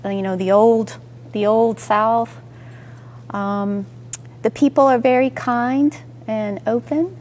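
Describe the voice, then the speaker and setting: Slow, thoughtful woman from Georgia. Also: a little high, fairly even intonation, darkish tone, a little hiss or hum. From Georgia, United States. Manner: slow and thoughtful, many pauses. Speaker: guest musician. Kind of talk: interview answers.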